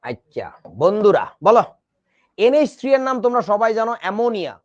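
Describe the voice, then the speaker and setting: A man's voice: very high-pitched, fast, no room sound. A man teaching chemistry in a lecture, joking around and spelling out words letter by letter. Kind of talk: classroom lecture. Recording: dull, dry recording.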